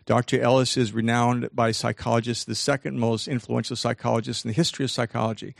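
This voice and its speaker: An older man gives an animated motivational talk in a gravelly voice, slowing down to stress the points that matter. He acts out the voices he quotes with sudden leaps in pitch. The recording is dry and close, with no room sound. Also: dry recording. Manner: slows down to stress key points. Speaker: speaker giving a talk on self-talk.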